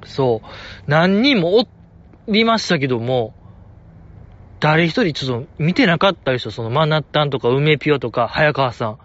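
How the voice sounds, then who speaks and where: A man's voice: fairly high pitch, expressive, moderate pace, a bit bright, muffled recording. A man with a Kansai accent hosting a casual solo podcast, playfully teasing his listeners and laughing often. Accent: Kansai Japanese. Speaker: podcast host.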